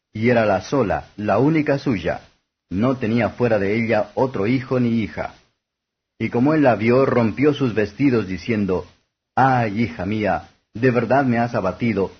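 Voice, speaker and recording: A man reading scripture aloud as formal, scripted audiobook narration, with a husky voice. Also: on the low side. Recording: dull lo-fi audio.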